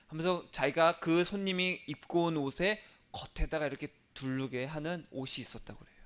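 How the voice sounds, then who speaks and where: A male pastor preaching a sermon. He poses questions and answers them himself, has the congregation repeat phrases after him, and moves between stressed, louder phrases and soft, low asides. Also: smooth.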